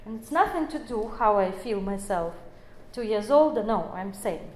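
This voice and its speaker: A woman's voice: medium pitch, animated, normal speed, darkish tone. Woman lecturing with phrasing. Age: 40s. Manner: non-native phrasing, many fillers and self-corrections. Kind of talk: explanatory lecture. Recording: echoey room.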